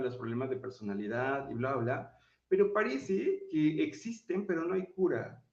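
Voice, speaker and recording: A man talks earnestly as a guest, explaining his views in a measured, conversational way. His voice sits at a middle pitch, and the recording is dull and muffled with a roomy echo. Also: a little mellow, distant mic. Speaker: guest speaker. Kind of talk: casual chat. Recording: dull, echoey sound.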